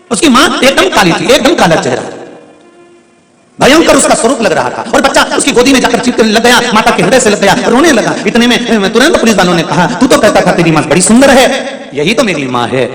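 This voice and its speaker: A man preaching a devotional sermon, telling stories in a lively, repetitive style and sometimes breaking into song. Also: sits high. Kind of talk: devotional sermon with storytelling and singing. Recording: echoey hall with faint music.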